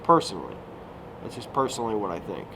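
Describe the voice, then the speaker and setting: A man in his thirties, a YouTuber, talks fast in a lowish, very animated voice. His casual vlog rambles along with fillers and self-corrections, recorded outdoors at a resort recreation area amid noise from passing vehicles.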